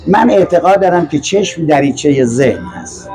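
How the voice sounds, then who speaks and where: A man's voice: fairly high pitch, expressive, a little mellow. An older man as a podcast guest, explaining in a didactic way and often checking that the listener is following. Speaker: guest, language teacher. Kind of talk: podcast interview.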